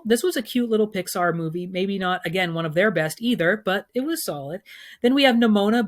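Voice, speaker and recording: A man runs through his film award picks in a relaxed, chatty vlog. He is opinionated and enthusiastic, and his talk is loose and filled with ums and uhs. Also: high voice. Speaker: film commentator.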